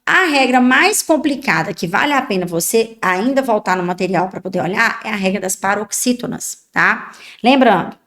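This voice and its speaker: A woman's voice: medium pitch, lively intonation, normal speed, a bit bright. A Brazilian woman teaching an exam prep lesson, explaining step by step and checking in with frequent tag questions. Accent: Brazilian Portuguese. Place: online class video.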